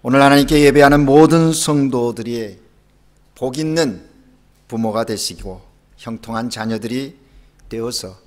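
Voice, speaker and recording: A male pastor giving a Sunday sermon, telling anecdotes with quoted dialogue, rising for emphasis and then dropping soft. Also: mid-range voice. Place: church sanctuary.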